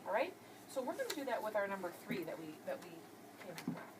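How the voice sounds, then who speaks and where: A woman's voice: medium pitch, big pitch swings, fast talker. A woman teaching young children, explaining in simple words and often checking understanding with short questions. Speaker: early grade teacher explaining to class. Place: classroom with children. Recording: distant mic in noisy classroom.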